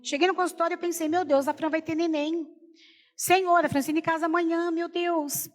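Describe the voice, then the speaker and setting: High-voiced woman preaching a testimony. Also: flat delivery, normal speed, in a large hall, soft background music. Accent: Brazilian Portuguese. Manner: storytelling, repeats "falei assim". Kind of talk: sermon testimony.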